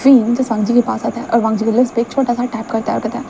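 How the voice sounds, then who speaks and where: A woman's voice: fairly high pitch, little pitch movement, racing, vocal fry, dark tone, a little hiss or hum, poor audio. A woman telling a fan fiction story in a casual, chatty way, mixing in English words and briefly acting out the dialogue.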